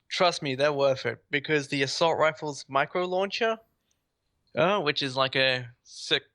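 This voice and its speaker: A man's voice: on the high side, bright, forceful tone, no echo. A man chatting enthusiastically as a gaming podcast host. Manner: enthusiastic, rambling. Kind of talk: casual gaming podcast chat.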